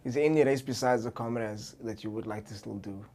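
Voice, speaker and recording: Man, South African accent, podcast host, casual colloquial chat, medium pitch, short interjected questions. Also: a little fast, mellow.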